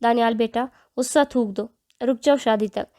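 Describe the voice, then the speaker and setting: A woman's voice: on the high side, fairly even intonation, warm tone, close to an everyday voice. A woman reading the part of a stern middle-aged father in an audio novel, curt and scolding.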